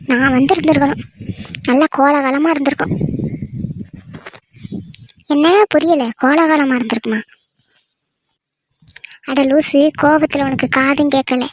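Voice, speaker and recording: A woman voicing a sharp-tongued village mother in a cartoon who grumbles and scolds. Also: high voice, no room sound, natural voice. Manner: grumbling, scolding, talks to herself. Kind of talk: cartoon voice acting.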